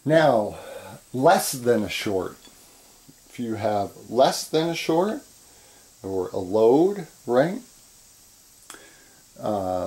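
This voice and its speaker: A man giving an informal chalkboard lecture as an instructor, halting and repetitive, often checking in with "right?". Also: lowish voice, mellow, low-quality recording. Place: indoors at a chalkboard.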